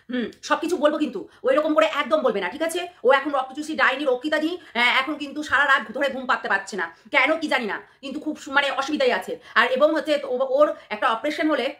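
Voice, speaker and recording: A woman scolds and taunts her viewers in a fast, repetitive vlog rant. Her voice is high and sharp-edged, and she speaks at a rapid clip. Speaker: vlogger. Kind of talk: angry rant to camera.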